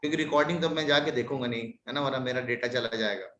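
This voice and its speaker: A man teaching a live online maths class, lively and scolding his students in jest. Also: medium pitch, fast talker, echoey room, muffled recording.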